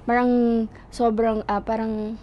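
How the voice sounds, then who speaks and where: Young Filipino woman, radio guest, code-switching storyteller, slightly high pitch. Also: little pitch movement, measured pace, muffled recording. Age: young adult. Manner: recounts events, mixing Tagalog and English, quoting others. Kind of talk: casual radio talk show interview.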